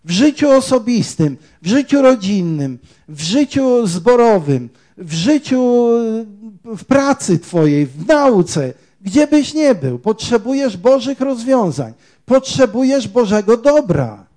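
A man's voice: extremely high pitch, sing-song, slow pace, warm tone. A man preaching a sermon, quoting scripture and putting rhetorical questions to his congregation. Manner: quotes scripture.

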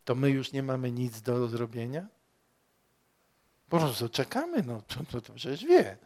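Slow, emphatic male preacher. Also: medium pitch, very animated. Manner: slow, emphatic preaching with rhetorical questions and sudden loud rises. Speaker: pastor. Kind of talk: sermon.

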